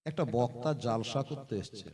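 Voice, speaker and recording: A man's voice: medium pitch, normal speed, darkish tone. A middle-aged man, preaching a sermon in a melodic, sing-song way, stretching phrases into a chant and addressing mothers and sisters. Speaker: Islamic preacher at a religious gathering.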